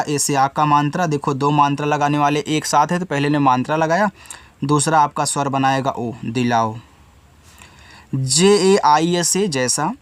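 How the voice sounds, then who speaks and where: A man with a slightly high voice gives a patient spelling lesson in Hindi. He spells out each word letter by letter, then walks through the sounds one at a time. The recording is close and dry, with no room sound. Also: dry recording. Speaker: English reading teacher.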